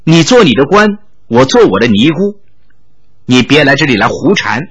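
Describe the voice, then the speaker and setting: A man's voice: medium pitch, big pitch swings, moderate pace, breathy edge, lo-fi sound, voice pushed down. A male storyteller voicing a cold, scornful middle-aged nun who snaps back curtly at her former husband. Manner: curt, contemptuous retorts.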